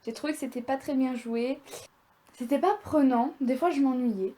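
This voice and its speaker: A woman's voice: high-pitched, normal speed, dark tone. A young woman talking casually to viewers in a review vlog, chatty and rambling as she goes. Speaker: video creator.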